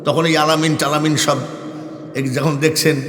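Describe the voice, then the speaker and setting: An older man preaching a sermon, telling stories and acting out dialogue, swinging between loud declaiming and soft asides. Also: a little high, flat delivery, moderate pace. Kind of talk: Bengali waz sermon with storytelling. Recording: echoey hall with long reverb.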